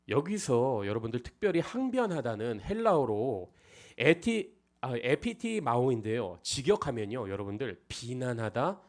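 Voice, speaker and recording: Man preaching with lively, swinging pitch. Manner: frequent rhetorical questions to the congregation; swings between loud emphasis and hushed near-whispers. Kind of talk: expository sermon.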